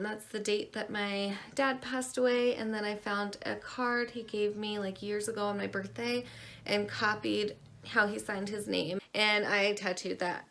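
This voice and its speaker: Twentysomething girl from maine rambling on camera, lots of gravelly fry, super chatty. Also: mid-range voice, fairly bright tone. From Maine, USA. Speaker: beauty vlogger. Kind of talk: casual chat.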